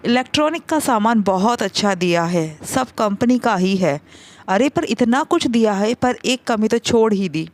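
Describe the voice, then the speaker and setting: A woman voicing a sharp-eyed, meddling older aunt who makes pointed remarks. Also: medium pitch, animated, a little slow, no echo, natural voice.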